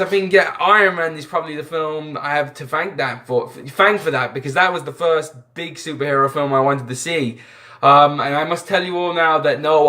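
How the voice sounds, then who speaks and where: A young man from Ireland chats through a film retrospective for his channel. His voice sits a little high, and he stumbles and restarts often, padding his talk with fillers. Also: sharp tone. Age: young adult. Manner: chatty, lots of fillers and restarts. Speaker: film vlogger.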